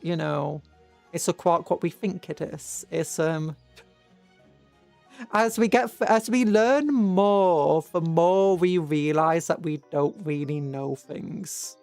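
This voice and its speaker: With music playing behind him, a livestream host from Britain chats in a slow, medium-pitched, darkish voice. His talk meanders hesitantly, frequently trailing off before restarting.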